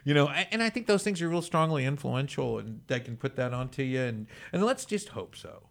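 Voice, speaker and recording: A man with a Texan accent hosts a loose chat, rambling and chuckling as he acts out stories. His voice is gravelly and sits at a middling pitch. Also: expressive, fairly quick. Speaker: radio show host. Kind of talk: casual interview chat.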